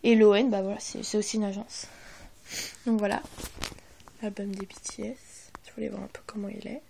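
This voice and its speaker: A woman's voice: medium pitch, little pitch movement, normal speed, gravelly, mellow, slight background noise. A young woman narrating a casual unboxing, hesitant and apologetic, with many fillers, often dropping to a half-whisper, recorded on her phone. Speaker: vlogger.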